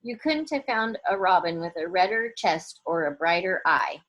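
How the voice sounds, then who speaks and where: A woman's voice: on the low side, expressive, normal speed, a bit bright. Woman reading a children's story aloud. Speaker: storybook reader.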